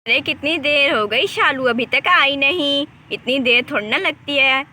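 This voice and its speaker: A woman voicing a scolding, nagging old mother-in-law in a doll village story, speaking sharply and loudly. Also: high voice, unhurried, a little hiss or hum, exaggerated voice. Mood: grumbling.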